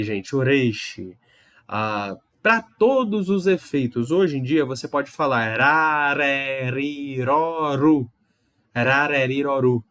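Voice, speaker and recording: A man with a slightly raised pitch talks students through an online language lesson. He explains patiently, sounds things out slowly and keeps asking if they follow. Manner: explains patiently with many tag questions and demonstrations. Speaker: Hebrew teacher.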